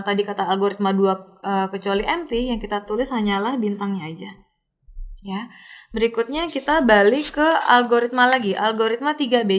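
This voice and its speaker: A young woman teaching a recorded university lesson, explaining step by step with casual fillers and quick self-corrections. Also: fairly high pitch, a bit bright. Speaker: lecturer.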